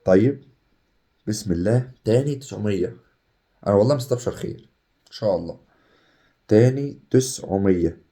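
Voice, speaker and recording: Young Egyptian gaming YouTuber, quick and warm-toned, hyped and chatty. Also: male voice, on the low side. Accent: Egyptian Arabic. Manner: excitable, chatty, swings between hype and groans. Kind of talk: casual gameplay commentary.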